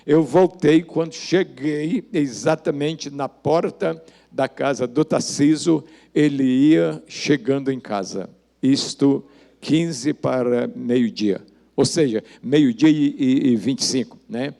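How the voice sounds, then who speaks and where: A man's voice: mid-range voice, takes it slowly, gravelly, dark tone. An older Brazilian man preaching as a pastor, telling a testimony and acting out each person's lines. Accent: Brazilian Portuguese. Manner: storytelling, acting out the dialogue of each person in the story. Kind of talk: sermon testimony.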